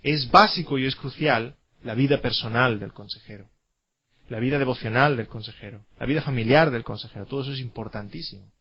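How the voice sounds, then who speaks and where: A man's voice: mid-range voice, brisk, breathy edge, dull audio. A man teaching a classroom lecture, emphatic, repeating key words and asking rhetorical questions.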